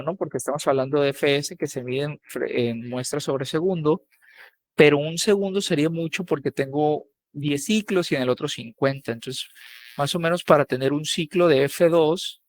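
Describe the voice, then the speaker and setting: A man teaching a live online coding lesson, casual and checking in with students often. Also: on the high side.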